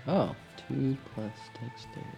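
A man's voice: medium pitch, lively intonation, moderate pace, vocal fry, mellow, soft background music. A man chatting casually as a player in a tabletop role-playing game.

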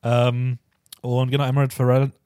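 A man's voice: mid-range voice, completely flat delivery, normal speed, warm tone, clear, resonant tone, no room sound, studio quality. A man from Austria, hosting a podcast in casual chat, rambling with many fillers and restarts. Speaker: podcast host.

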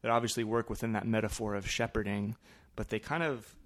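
Lowish-voiced man hosting a casual podcast. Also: fairly even intonation, a little fast, fairly bright tone. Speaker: podcast host, church pastor. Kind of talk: casual, explanatory podcast talk.

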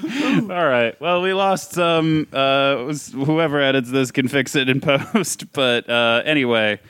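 A man's voice: medium pitch, slow pace, fairly bright tone, clean tone, no echo. A man trading dry quips in an improvised comedy chat on a podcast, often laughing. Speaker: podcast co-host.

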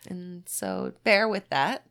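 A woman's voice: lowish voice, big pitch swings, slow pace, vocal fry, a bit bright. A woman co-hosting a podcast, chatting casually and telling stories with frequent laughs. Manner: chatty storyteller, laughs often. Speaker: podcast co-host. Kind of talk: casual chat.

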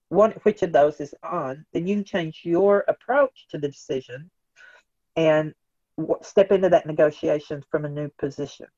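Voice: medium pitch, no room sound. A guest expert explaining ideas in an earnest, conversational way, often asking questions aloud and checking in with "right?". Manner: earnest, talks in questions and acted-out quotes, tags "right?". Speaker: guest expert on organizational change. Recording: dull, dry lo-fi recording.

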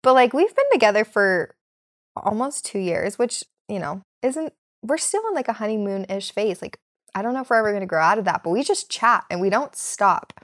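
A woman's voice: mid-range voice, animated, a little fast. A young woman co-hosting a podcast in casual chat, with an informal, giggly manner. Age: young adult. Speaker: podcast co-host. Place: home basement.

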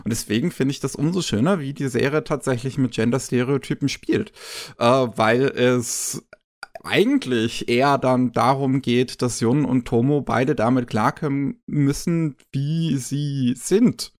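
A man's voice: mid-range voice, unhurried. A man in casual podcast talk, hesitant and full of fillers and restarts as he reviews an anime series.

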